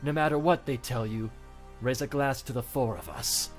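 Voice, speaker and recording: A man's voice: medium pitch, normal speed, lightly acted. Guy doing a broody intense hedgehog antihero, reads song lyrics all dramatic, bit of music behind. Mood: solemn, rousing. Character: Shadow the Hedgehog, male brooding anti-hero hedgehog, intensely earnest. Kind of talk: dramatic storybook-style reading of musical lyrics.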